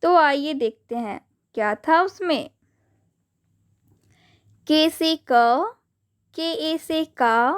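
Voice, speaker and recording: A woman teaching a grammar lesson, spelling out words letter by letter in a slow, deliberate way. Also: high-pitched.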